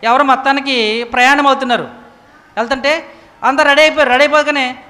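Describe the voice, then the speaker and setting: A man preaching a sermon with emphatic rhetorical questions, swinging from loud to hushed. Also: extremely high pitch, fairly even intonation, fast talker. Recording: echoey hall reverb.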